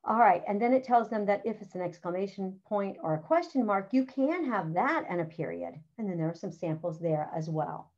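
This middle-aged teacher's mid-range, darkish voice is animated and fairly quick, with few pauses. She guides other teachers step by step through a writing lesson from her curriculum, keeping it practical and chatty with frequent "all right"s and "okay"s, on somewhat dull, lo-fi audio.

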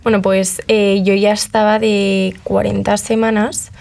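A woman's voice: medium pitch, little pitch movement, unhurried, creaky, a little mellow. A young woman, chatting casually as an interview guest and acting out the things people said to her, with lots of fillers. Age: 20s. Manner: chatty, uses many fillers, acts out quoted remarks.

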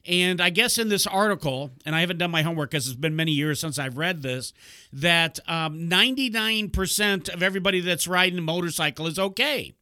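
A man's voice: sits high, fairly quick, sharp tone, no echo. Guy cohosting a podcast on a headset, rambles, jokes at himself, pretty dry sound. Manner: rambling, self-deprecating, thinks aloud. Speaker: podcast co-host. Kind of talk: casual chat.

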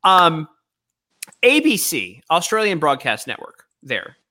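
A man's voice: fairly high pitch, wildly swooping pitch, takes it slowly, pushed and bright. A man hosting a casual remote conversation, a comedian who teases his guest and tells stories. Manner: teasing, storytelling. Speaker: host, comedian.

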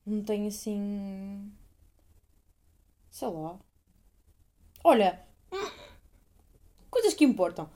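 Young woman, European Portuguese accent, solo podcast host; rambling, self-mocking, mid-pitched and mellow. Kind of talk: casual solo podcast chat.

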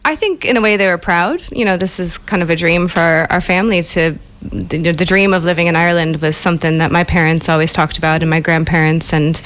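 A woman's voice: lowish voice, fairly quick, few pauses, fairly bright tone. A woman from the United States with an American accent, talking casually as an interview guest in a chatty, self-deprecating way. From Ohio, United States.

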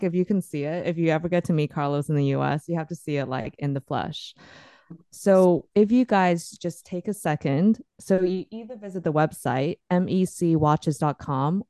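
A woman with a very low, mellow voice hosts a podcast. She talks in a chatty, enthusiastic way. Her voice sounds dry and close, with no room echo. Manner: chatty, enthusiastic, laughs easily. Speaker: podcast host. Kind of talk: casual podcast hosting.

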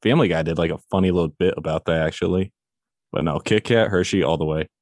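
A man's voice: sits low, fast talker, darkish tone, dry recording, studio quality. A man chatting on a casual podcast in an offhand, jokey, laid-back way.

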